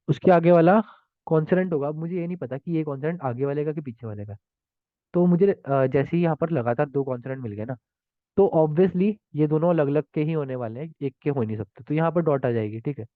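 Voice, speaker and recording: A man's voice: a little high, fast talker, no echo. A man walks through programming contest solutions, thinking aloud with many fillers and restarts. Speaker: programming tutor. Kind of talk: explaining contest solutions live. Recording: dry, phone-like narrow sound.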